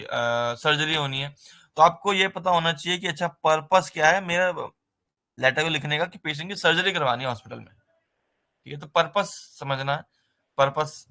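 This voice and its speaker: A man leads a recorded nursing exam lesson in a bright, forward voice. He speaks in a loose, conversational way, mixing terms. He keeps checking in with a short filler. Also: fairly high pitch. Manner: conversational, repeats "ठीक है" as a filler, mixes English terms into Hindi.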